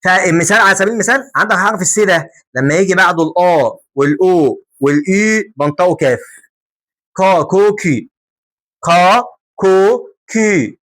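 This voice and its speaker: A man with an Egyptian Arabic accent and a voice that sits high teaches a French lesson. He keeps things lively and joking, repeating words slowly to drill them.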